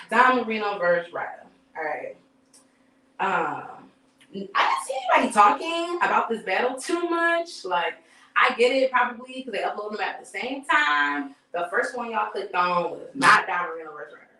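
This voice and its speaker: A woman's voice: medium pitch, sing-song, moderate pace, bright, forceful tone, distant mic. A woman, giving a loose, profane, casual live recap of battle rap events as the channel's host. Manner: loose, profane and conversational, with frequent fillers and sighs. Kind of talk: casual live-stream commentary. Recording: echoey room, voice from off the mic.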